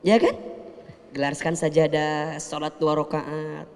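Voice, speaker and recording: High-voiced animated preacher. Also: male voice, a little slow, gravelly, in a large hall. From Indonesia. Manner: animated, acts out little scenes with comic voices. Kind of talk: sermon.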